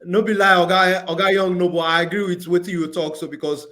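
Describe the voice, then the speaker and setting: Fast, high-voiced Nigerian sports host. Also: male voice, flat delivery, pushed and bright. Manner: pushy, upbeat questioning. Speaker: football show host. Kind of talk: casual sports talk.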